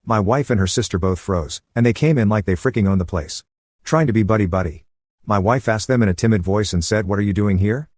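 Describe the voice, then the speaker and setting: Flat-voiced man narrating a story. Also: lowish voice, a little fast, no room sound, clean studio sound.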